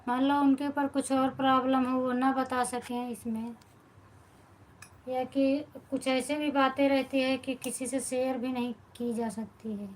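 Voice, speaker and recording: Woman live-streaming from home, slow soft talk, fairly high voice, flat melody, faint noise behind. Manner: quiet, keeps her voice down while others sleep; warm greetings, devotional blessings to viewers. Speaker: live-stream host chatting with viewers. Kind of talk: casual live chat. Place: home at night.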